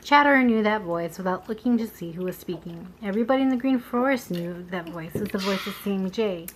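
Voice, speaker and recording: Brief: young mother, mid-pitched, storybook read-aloud, gentle chatty asides to the kids. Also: fairly quick, a little hiss or hum, poor audio. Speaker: mother reading to her children.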